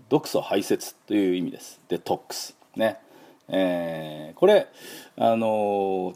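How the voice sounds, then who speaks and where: A deep, gravelly man in middle age talks through a relaxed pronunciation lesson. His voice is dark and a little husky, and it rises and falls freely as he rambles with fillers and models each sound over and over. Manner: chatty, many fillers, demonstrates sounds repeatedly. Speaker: English pronunciation teacher. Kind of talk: casual spoken lesson.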